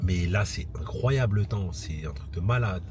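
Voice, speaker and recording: A man's voice: deep voice, moderate pace. A young man, vlogging casually from his car and a petrol station, slangy, joking and ranting. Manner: slangy, animated, swears and jokes, ranting. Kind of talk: casual vlog talk to camera. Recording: outdoor traffic noise behind.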